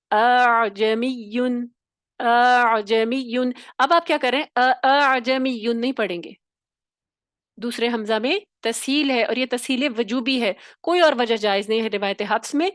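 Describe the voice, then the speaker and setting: Female recitation teacher: fairly high voice, dry close mic, patient step-by-step demonstrations. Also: no room sound. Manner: explains step by step, demonstrates sounds, checks with "theek hai?". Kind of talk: tajweed lesson.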